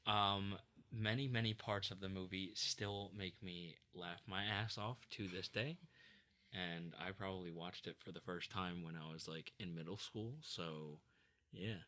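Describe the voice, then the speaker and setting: A man's voice: low voice, steady tone, unhurried, sharp tone. A young man co-hosting a casual podcast chat, matter-of-fact and firmly correcting the others. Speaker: podcast co-host.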